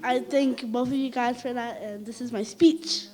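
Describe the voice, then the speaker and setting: A woman giving a halting, shy thank-you speech at a wedding reception. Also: fairly high pitch, fairly even intonation, crowd noise. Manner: halting, shy, laughing softly.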